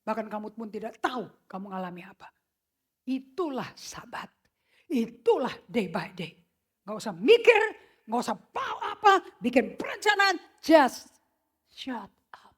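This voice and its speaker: A woman preaching a sermon in a casual, slangy way, mixing in English phrases and swinging from loud shouts to hushed whispers. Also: fairly high pitch, big pitch swings, moderate pace, breathy edge. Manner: mixes English phrases into her speech; casual slangy emphatic delivery.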